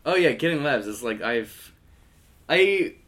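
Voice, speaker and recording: A man's voice: medium pitch, lively intonation, unhurried, a bit bright. A young man in his twenties, a podcast guest, talking casually in a rambling, upbeat way with lots of restarts. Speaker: podcast guest, comic and musician. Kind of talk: casual conversation.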